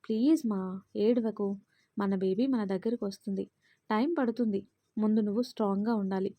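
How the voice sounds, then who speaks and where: Woman reading a steady young husband, reassuring, soft mellow tone, dry close sound. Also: medium pitch, fairly quick, dry recording, lightly acted. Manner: soothing, reassuring. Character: caring young husband, teasing yet steady.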